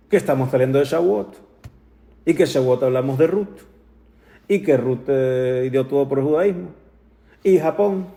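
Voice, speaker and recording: A man giving a Torah talk as a lively story. He acts out the people in it, slips into English phrases and Hebrew terms, and closes with toasts. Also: a little high, vocal fry. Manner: ends with toasts. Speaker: Torah speaker. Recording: roomy echo.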